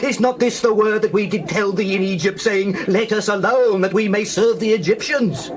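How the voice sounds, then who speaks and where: A man's voice: sits high, moderate pace, slight background noise, lightly acted. A man playing a frightened Israelite who complains bitterly, accusing and pleading, in a dramatized scripture production. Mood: fearful, accusing.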